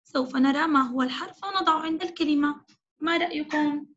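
A woman's voice: sits high, a bit bright. A woman teaching an online phonics lesson to young children, stretching out each sound and praising often. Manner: drawn-out syllable-by-syllable spelling with frequent praise. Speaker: kindergarten teacher. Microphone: video call. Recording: dull lo-fi video call audio.

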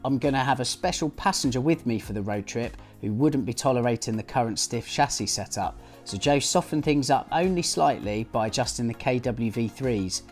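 A man's voice: medium pitch, lively intonation, moderate pace, hardly any pauses, faint music behind. A young man hosting a car video, narrating upbeat and asking questions. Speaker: host.

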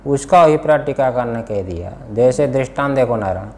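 Explaining a text in a classroom scripture lesson, a man with a Hindi-speaking Indian accent quizzes his students and keeps repeating the key words. He talks briskly in an expressive, slightly mellow, mid-range voice.

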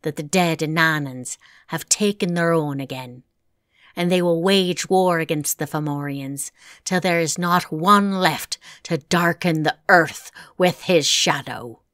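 A woman reading a legend aloud in a slow, deliberate way. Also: low voice, a bit bright, no echo, clean studio sound. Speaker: audiobook reader. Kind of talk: storybook narration.

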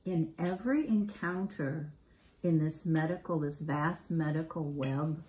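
A woman guest speaks gently and reassuringly in a heartfelt conversation. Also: low-pitched, measured pace, low-quality recording.

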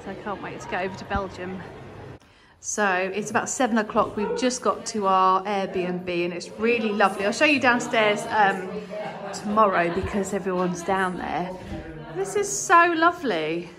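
Filming herself on a phone held at arm's length, a vlogger from England in her forties talks casually and enthuses about what she's showing, whether at home indoors, in a car or touring a rental house. She has a mid-range voice at normal speed, with music in the background.

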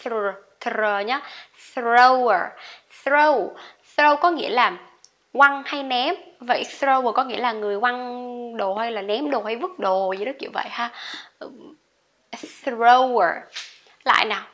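A woman whose first language is Vietnamese, teaching English pronunciation in a relaxed online lesson. Her voice sits a little high and sounds bright. She chats through the examples and calls out each practice word clearly. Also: moderate pace. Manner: chatty, models English words loudly.

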